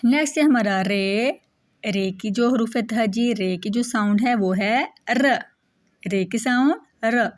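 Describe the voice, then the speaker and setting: A woman with an Urdu-speaking Pakistani accent gives a children's alphabet lesson in a slightly high voice. She speaks slowly and patiently, saying each sound twice. She poses a question and then answers it herself. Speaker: teacher.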